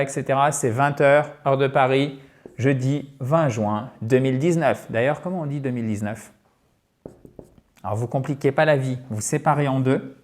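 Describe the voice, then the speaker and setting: Higher-voiced chatty male English teacher. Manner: chatty, keeps checking in with "ok?"; addresses viewers warmly as friends. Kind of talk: direct-to-viewer course promotion.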